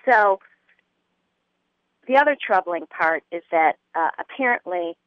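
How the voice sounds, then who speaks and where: A woman's voice: on the low side, animated, unhurried, fairly bright tone, no room sound. Woman guest on talk radio, earnest, gets indignant, dull phone-ish sound. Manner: earnest, rising to indignant emphasis. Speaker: guest commentator. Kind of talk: political talk radio discussion. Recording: muffled phone-line audio.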